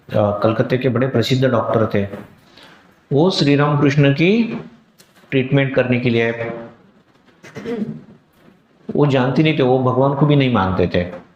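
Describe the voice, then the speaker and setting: A man, a monk, gives a devotional discourse. He tells stories and acts out the voices of the people in them, mixing English words into his speech. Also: medium pitch. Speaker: monk giving a scripture talk. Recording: echoey hall, faint background noise.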